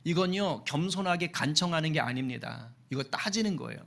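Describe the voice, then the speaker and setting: A man, a senior pastor, preaching a Sunday sermon in a conversational and lively way, acting out voices in his storytelling. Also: a little high, a little fast, vocal fry. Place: church sanctuary.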